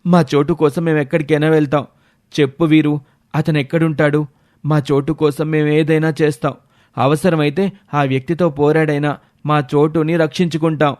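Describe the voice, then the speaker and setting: Cartoon storybook role: man doing brave young friend, a bit higher than usual, urgent and resolute. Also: level tone, moderate pace, darkish tone, no echo, studio quality, lightly acted. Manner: urgent, calling out and determined. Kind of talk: animated storybook voice acting.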